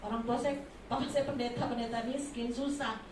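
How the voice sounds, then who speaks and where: A woman preaching a sermon from Indonesia, impassioned, swinging between soft asides and loud exclamations, in a large church hall. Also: on the high side, fairly even intonation, brisk, slight background noise. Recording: echoey hall from far off.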